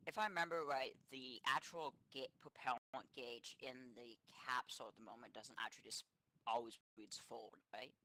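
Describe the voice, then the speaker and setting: A man's voice: medium pitch, steady tone, fairly quick, sharp tone, no echo, low-quality recording. A man chatting casually and technically as flight director in a simulation, tentative and rambling.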